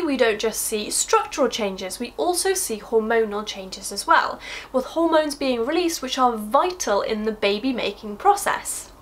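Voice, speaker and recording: A young woman hosting a science explainer video, delivering a scripted, upbeat explanation in a clear voice. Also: fairly high pitch, slight background noise.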